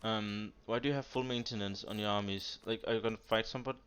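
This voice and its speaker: A man with a fairly low, steady voice talks quickly, his tone fairly bright and clean. Exasperated and full of fillers, he gives blunt, casual commentary over gameplay about a player's nation in a strategy game. The dull lo-fi mic picks up keyboard typing in the background.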